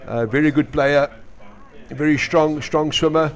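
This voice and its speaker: A man's voice: fairly high pitch, fairly even intonation, a little slow. A man with a South African accent co-commentating a live youth match, chatty and full of filler words. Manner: chatty, many filler uhs. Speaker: sports commentator.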